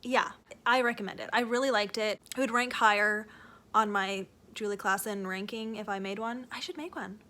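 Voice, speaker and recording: In her casual reading vlog, a young Canadian woman with a Canadian accent talks from a rocking chair at home. Her mid-range voice is steady and sharp-toned at a moderate pace, and she rambles, full of fillers and self-corrections.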